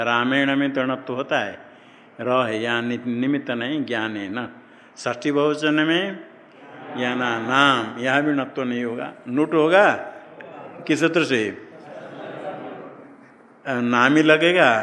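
A man's voice: medium pitch, fairly bright tone. A man teaching Sanskrit grammar to a class, drilling students with questions and correcting their recitation. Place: ashram classroom. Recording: long hall reverb, faint noise.

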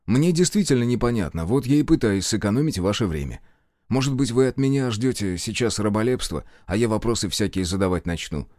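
Brash young hero, earnest yet cheeky, low lively voice, dry booth sound, read by a male narrator. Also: fairly quick, no room sound, lightly acted. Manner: earnest, defensive, casual. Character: cheeky young man, earnest but insolent. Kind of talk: audiobook character voice.

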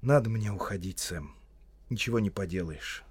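A man voicing a worried young male hobbit who speaks quietly and seriously, in an audiobook. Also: medium pitch, moderate pace, dry recording, natural voice. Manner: quiet, sighing.

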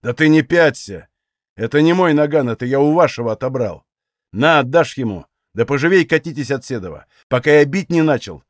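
A man's voice: medium pitch, animated, a little fast, no room sound, clean studio sound, natural voice. A man voicing a composed young Cossack officer who speaks in curt, scornful threats in an audiobook. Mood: menacing.

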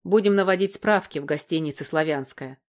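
A woman reading the part of a protective older man in an audiobook, measured and gently reassuring. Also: sits low, lightly acted.

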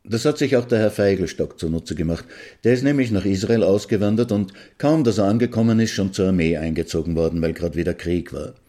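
A man's voice: deep voice, a little fast, mellow. A man hosting a podcast, telling jokes in a wry, conversational monologue that addresses the listener directly. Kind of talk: storytelling monologue.

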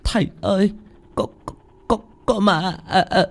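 Terrified young villager, voiced by a man: high, stammering, panicked. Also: measured pace, creaky, exaggerated voice.

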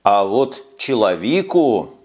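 A man voicing a stubborn older police sergeant with a Ukrainian accent, who talks slowly and bluntly in an audiobook. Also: medium pitch, lightly acted. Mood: grumbling. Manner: slow, grumbling, blunt.

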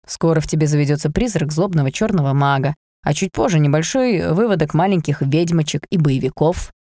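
A woman doing a gruff stern mage. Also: sits low, brisk, dark tone, no room sound, clean studio sound, voice pushed down, lightly acted. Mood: grumbling. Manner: gruff, clipped, grumbling. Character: stern, gruff male battle mage investigator, impatient.

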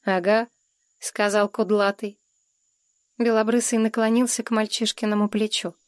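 A woman reading a children's story aloud with calm, even storytelling. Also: mid-range voice, normal speed, no room sound, studio quality. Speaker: narrator. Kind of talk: audiobook narration.

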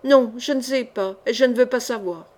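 A woman's voice: on the high side, moderate pace, darkish tone, natural voice. A woman reader voicing a young woman who pleads fervently with a king. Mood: pleading.

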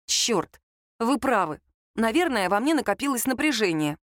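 A woman's voice: a little high, very animated, normal speed, fairly bright tone, dry recording, studio quality. A woman reading an audiobook, voicing a blunt, anxious young woman who snaps at people. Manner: blunt, exasperated, rude outbursts. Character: young woman, brash, anxious, sharp-tongued.

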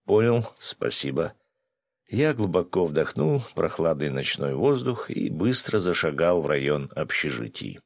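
A man's voice: rumbling low, very animated, moderate pace, creaky, hardly any pauses, no echo, studio quality. A man narrating an audiobook in the first person, telling the story expressively.

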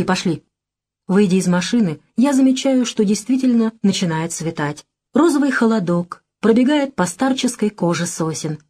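A woman reading a first-person audiobook in a calm, measured way. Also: medium pitch. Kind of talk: audiobook narration.

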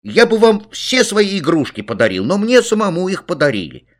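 A man voicing an eager little boy in a children's story, shouting with joy. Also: high-pitched, huge pitch swings, moderate pace, pitched above the performer's own voice. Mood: excited. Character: excited little boy turning seven. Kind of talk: storybook reading.

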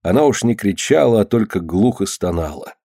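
A man reading a story aloud in steady audiobook narration. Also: lowish voice, fairly quick, no echo, clean studio sound.

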